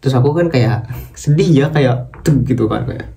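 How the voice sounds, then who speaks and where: Young man, from Indonesia, chatty vlog storytelling, dark mellow tone. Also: mid-range voice, moderate pace, gravelly. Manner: chatty, keeps addressing viewers as guys. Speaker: vlogger. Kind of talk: casual storytelling to viewers.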